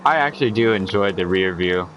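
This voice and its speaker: Deep-voiced young man streaming a game. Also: lively intonation, brisk, background noise. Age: young adult. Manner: musing, talking to himself while driving. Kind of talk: casual gameplay chat.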